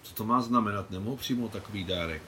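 A gentle young female rider, quick to agree and to reason, as a man reads her. The low voice carries a faint hiss of noise.

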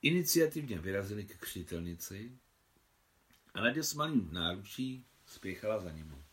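A man, the translator, reading his own translation of a novel aloud in an expressive way. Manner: expressive reading with wide pitch swings.

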